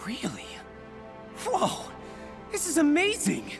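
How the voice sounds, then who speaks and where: A man's voice: extremely high pitch, huge pitch swings, takes it slowly, gravelly, music in the background, heavily acted. A man voicing a young, quippy and earnest superhero for a video game. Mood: excited. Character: young wisecracking masked superhero, earnest and eager.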